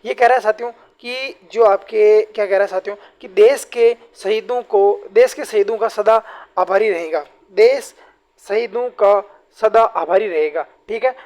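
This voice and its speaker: Man, grammar teacher, online exam-prep lesson, repeats phrases, slow deliberate example readings. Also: sits high, darkish tone. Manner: addresses viewers as companions, repeats key phrases; reads example sentences slowly and deliberately.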